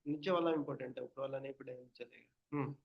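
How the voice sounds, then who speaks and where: A man's voice: medium pitch, steady tone, quick pace, vocal fry, highs cut off. A man leading a devotional study session, explaining patiently and quizzing his listeners with questions. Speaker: spiritual teacher.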